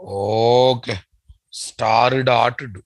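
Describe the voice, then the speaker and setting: A man's voice: medium pitch, steady tone, very slow, no echo. A man with a Telugu Indian accent teaching a live technical class, bluntly questioning his students and repeating key phrases. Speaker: programming instructor.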